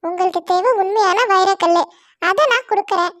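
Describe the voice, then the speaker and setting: Woman playing a greedy bird big sister in a cartoon; very high squeaky voice, contemptuous and commanding, dry studio sound. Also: steady tone, brisk, fairly bright tone, dry recording. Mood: pushy. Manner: scornful, commanding. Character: bossy greedy young female bird, older sister.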